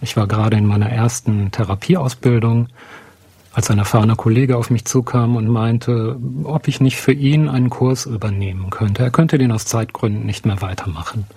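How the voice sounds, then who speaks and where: A man in his fifties, a psychologist and psychotherapist, recalling an early career episode calmly and reflectively. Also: medium pitch, normal speed, breathy edge, dry recording. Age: 50s. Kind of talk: interview recollection.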